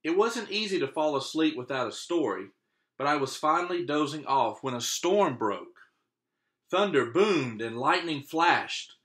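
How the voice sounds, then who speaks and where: Male teacher, storybook read-aloud, very animated, slightly high, asks the children questions. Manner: expressive, pauses to ask listeners questions.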